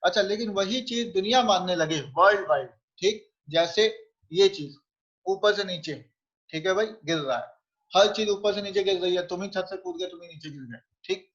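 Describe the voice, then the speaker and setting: A man's voice: sits high, normal speed, a bit bright, lo-fi sound. A man teaching physics, conversational and often checking that students follow. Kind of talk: online class lecture.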